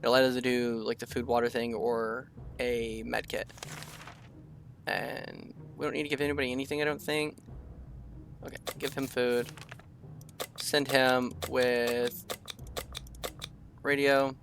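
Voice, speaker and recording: A man's voice: medium pitch, level tone, measured pace, long pauses, background noise. A man casually commenting on a survival game as he plays, thinking aloud with frequent ums and reading the game's text aloud. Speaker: gaming video creator.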